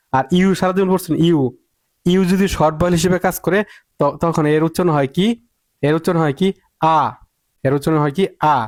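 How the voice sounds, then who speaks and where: Male English tutor, higher-pitched, drills with rhetorical questions, dry close mic. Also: a little mellow, no room sound. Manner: emphatic, repeats points and asks rhetorical questions. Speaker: English teacher. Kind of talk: spoken English lesson.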